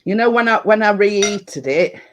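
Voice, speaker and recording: A woman's voice: mid-range voice, animated, moderate pace, a little hiss or hum. A woman co-hosting a baking show, chatting casually and rambling as she repeats herself. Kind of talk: casual live-stream chat.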